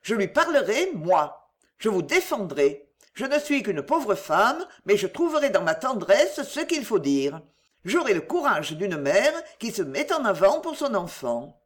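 Brief: woman voicing a firm, gentle storybook mother, lively intonation. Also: mid-range voice, measured pace. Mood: firm, tender. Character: cautious, tender older mother.

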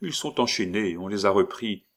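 A man's voice: on the low side, animated, moderate pace. A man voicing a crafty man disguised as an old woman who sweet-talks a child in an audiobook. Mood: coaxing. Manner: wheedling, sweet-talking a child. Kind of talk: audiobook character voice.

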